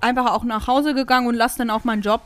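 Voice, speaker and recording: A woman from Germany telling a workplace story in casual chat, lively and full of fillers. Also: a little high, quick pace, no echo. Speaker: podcast co-host telling a story.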